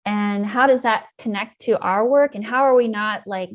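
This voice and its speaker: A woman talks as an interview guest, telling her story with plenty of ums and you-knows. Her voice sits at an ordinary middle pitch and picks up energy at the key moments. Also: normal speed, highs cut off. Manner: thoughtful, many ums and you-knows, animated when recounting. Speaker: guest scientist.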